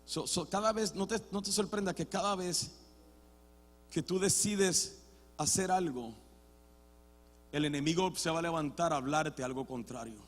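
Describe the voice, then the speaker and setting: A man preaching a sermon as a pastor, switching between Spanish and English, restarting words often and swinging from quiet talk to loud shouting. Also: a little high, moderate pace, pauses often, long reverb tail. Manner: builds to loud shouted passages, then drops to quiet. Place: church sanctuary.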